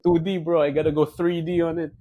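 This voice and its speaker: A man's voice: a little high, flat delivery, brisk, muffled recording, a little hiss or hum. A man in his forties with a Filipino accent, a guest telling stories in casual conversation and switching between English and Tagalog. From Philippines. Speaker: guest, wealth manager.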